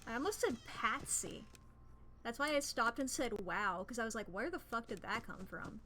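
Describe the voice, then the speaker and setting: A woman's voice: a little high, normal speed, pushed and bright, slight background noise. A woman doing live commentary on a horror game as a streamer, complaining and swearing freely as she plays. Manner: profane, complaining, ranting.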